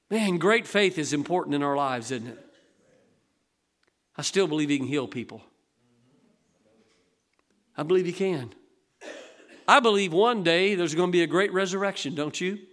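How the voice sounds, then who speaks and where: High, bright-voiced preaching pastor. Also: male voice, normal speed, long pauses. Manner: animated preaching, acting out voices from stories. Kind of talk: sermon. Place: church sanctuary.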